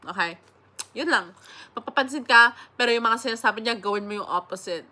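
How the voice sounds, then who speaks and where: Bright-voiced Filipino woman rambling. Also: a little high, fairly quick. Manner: rambling, code-switching, swears casually. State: sick. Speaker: vlogger. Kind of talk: casual chat.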